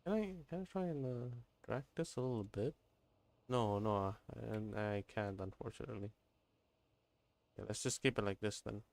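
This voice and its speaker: In a casual gameplay livestream, a man talks informally, thinking aloud and frequently repeating phrases. His voice is lowish, creaky and a little mellow, at a moderate pace.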